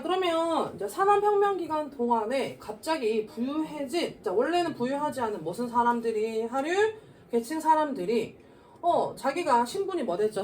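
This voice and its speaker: A woman teaching an English reading lesson to middle school students. She poses questions and answers them herself, with frequent verbal fillers. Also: on the high side. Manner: animated, asks and answers her own questions, keeps saying "자". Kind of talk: classroom lecture explaining a reading passage. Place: classroom. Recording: distant mic with faint noise.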